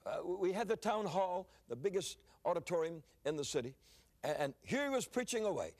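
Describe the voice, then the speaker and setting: A man's voice: high-pitched, sing-song, brisk, a little mellow. An older man preaching, telling a story in a sermon, often repeating words as he starts a phrase.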